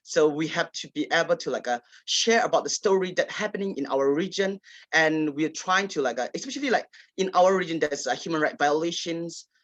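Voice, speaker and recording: Answering as a panelist, this Kachin-speaking local journalist from Myanmar's Kachin State has a higher, somewhat bright voice. He falters often, restarting and filling pauses, and the recording is dry and close-miked.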